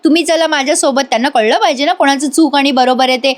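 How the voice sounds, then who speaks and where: A woman's voice: sits high, fast talker, close to an everyday voice. A woman voicing a stubborn young female student, pleading and insisting with her teacher.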